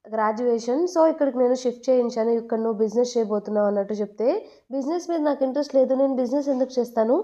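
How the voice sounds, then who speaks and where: A woman's voice: medium pitch, dark tone, muffled recording. A woman narrating a drama recap in a chatty, casual way, paraphrasing the characters' lines in her own voice.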